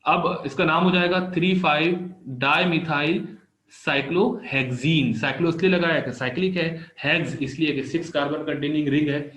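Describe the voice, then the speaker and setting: A man's voice: on the high side, normal speed, fairly bright tone. A man giving a recorded chemistry lecture, explaining patiently step by step through on-screen examples. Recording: roomy, slightly dull lo-fi recording.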